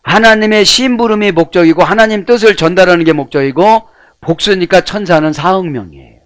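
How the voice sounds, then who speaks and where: A man's voice: sits high, brisk, a bit bright, no echo. A male pastor preaching a sermon, prodding listeners with rhetorical questions.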